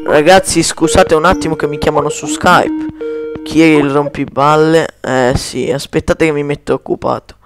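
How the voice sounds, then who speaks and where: A man giving casual gameplay commentary in speech, chatty, cursing at lag and slowly chanting spell words. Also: on the high side, steady tone.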